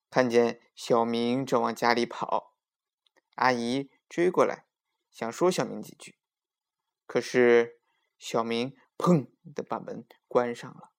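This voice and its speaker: A man narrating a children's story with a lively, expressive reading. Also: mid-range voice, gravelly.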